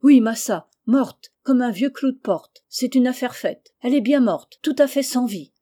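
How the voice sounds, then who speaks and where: A simple, earnest old servant calls down answers and plaintive protests, as a woman reading the story voices him. Her voice is slightly higher than her narration and soft in tone. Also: expressive, normal speed.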